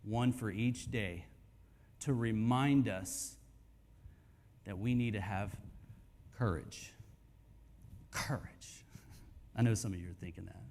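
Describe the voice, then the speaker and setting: A man preaching a sermon at a men's conference in a church hall, emphatic and swinging from hushed to near-shouting. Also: fairly low pitch, measured pace, long pauses, a little hiss or hum.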